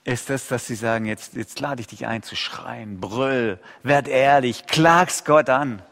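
A male pastor preaching an impassioned sermon, swinging between loud outcries and hushed low asides. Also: a little slow, gravelly. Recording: long hall reverb.

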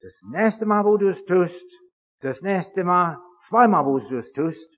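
A man with a husky, fairly high voice that swings widely in pitch gives a religious lecture to an audience. He tells his stories in an animated way and acts out each side of the dialogue. The recording is dull and lo-fi, with a long echo from a big hall. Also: measured pace. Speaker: speaker addressing an audience.

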